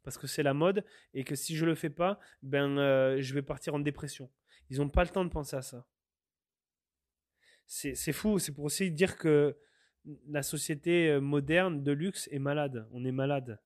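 A man's voice: fairly high pitch, normal speed, no room sound, studio quality. A man from France, hosting a podcast and talking earnestly through his opinions, with many fillers and restarts. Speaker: podcast host. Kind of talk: solo podcast monologue.

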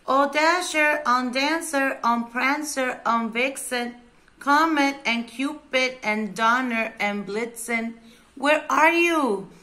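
A woman voicing Santa Claus, a jolly old man who calls out loudly. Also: on the high side, takes it slowly. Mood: calling out.

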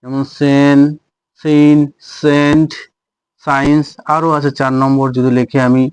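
Man, pronunciation teacher, slow deliberate delivery, repeats points, dry close sound. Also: on the high side, flat delivery, smooth, dry recording. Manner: repetitive, addresses students directly, checks understanding. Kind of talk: slow spoken lesson, spelling words out.

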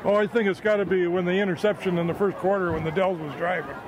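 A man's voice: high-pitched, fairly even intonation, fast talker, poor audio. An older man giving color commentary after a football game, outdoors at night, plain-spoken with short remarks. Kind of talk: post-game sports commentary. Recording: outdoor noise behind.

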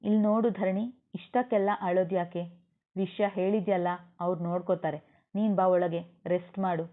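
A woman's voice: on the low side, steady tone, normal speed, lightly acted. A woman voicing a protective young man, a stern older brother who speaks bluntly and commandingly. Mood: gentle. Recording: tinny phone-like audio.

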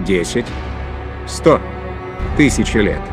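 Man playing a low, measured ship's computer. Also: expressive, music in the background. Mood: calm, consoling. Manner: measured, precise, emotionless announcements. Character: calm, formal, rational male ship's computer. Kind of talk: scripted sci-fi audio drama.

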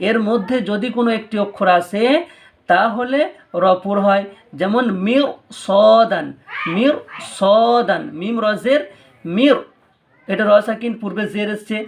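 A man with a Bangladeshi Bengali accent teaching Quran recitation rules in a patient tutorial, repeating each rule twice. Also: high voice. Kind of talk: step-by-step tutorial lesson.

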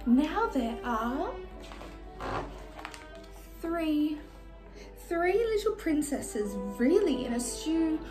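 A young woman playing a sweet, gracious fairy-tale princess, reading in an animated, sing-song way for small children. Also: high voice, drawn-out words, long pauses, full character voice, low-quality recording. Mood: sweet storytelling. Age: young adult. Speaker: children's party entertainer reading a storybook. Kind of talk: children's storybook reading in character. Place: small decorated room indoors. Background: music.

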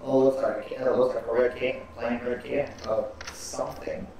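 A man's voice: mid-range voice, flat delivery, a little fast, a crowd in the background. A man co-hosting a let's-play who chimes in with short, dry remarks. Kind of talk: casual gaming commentary. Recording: very echoey room, far from mic, faint hiss.

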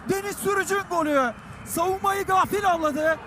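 A man doing excited live football commentary, shouting urgently and screaming goal calls. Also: very high voice, moderate pace. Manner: shouting and urgent as attacks and goals unfold. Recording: loud stadium noise behind the voice.

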